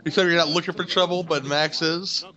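Bright, higher-pitched man, dull lo-fi recording. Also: steady tone, a little fast. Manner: wisecracking. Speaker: film commentary co-host. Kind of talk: casual joking chat over a film. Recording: dull lo-fi sound, music behind.

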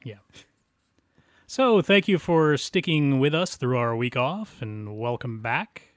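A man's voice: medium pitch, animated, slow, dry recording, clean studio sound. Chatty man co-hosting a theater podcast. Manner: chatty, laughs often, restarts phrases. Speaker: podcast co-host. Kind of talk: casual chat.

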